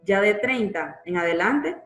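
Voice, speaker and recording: A woman's voice: medium pitch, animated, unhurried, a bit bright, roomy sound, faint music behind, rough recording. A woman teacher giving a live online grammar class, explaining patiently and checking in with frequent tag questions. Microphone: computer mic in a live online class.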